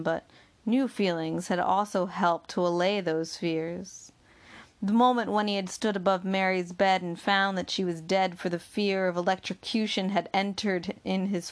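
A woman reading a novel aloud in measured, steady audiobook narration. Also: lowish voice, vocal fry.

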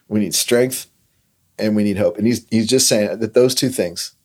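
Low-voiced man unpacking a hymn. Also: moderate pace, darkish tone. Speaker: guest explaining a hymn. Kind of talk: conversational podcast teaching.

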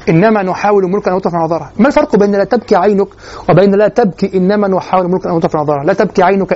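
A man giving a classroom lecture on classical poetry, often stopping to ask the class whether it is clear. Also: sits high, darkish tone. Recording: dull lo-fi classroom recording.

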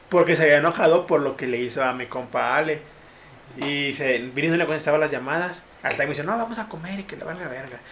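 There's slight background noise behind this young podcast host, whose voice runs on the high side. He's telling a story in laid-back chat, full of slang, with animated acted-out quotes delivered in raised voices.

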